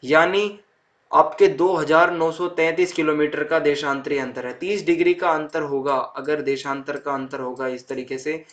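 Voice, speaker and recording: A young man with a somewhat high-pitched voice teaches a school geography chapter. He explains things step by step, repeats key points and keeps checking that his students follow along. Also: fairly even intonation, moderate pace, a bit bright. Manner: repeats points with "thik hai" check-ins.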